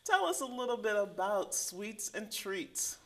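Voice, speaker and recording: A woman hosting a community talk show, explaining in a measured storytelling way. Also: mid-range voice, big pitch swings, a bit bright, roomy sound. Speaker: host.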